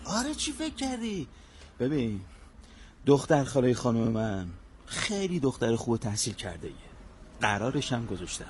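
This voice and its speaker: A man's voice: mid-range voice, sing-song, a little hiss or hum. A man playing a pushy, teasing friend who sets up a marriage meeting in a comedy sketch. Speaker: matchmaking friend.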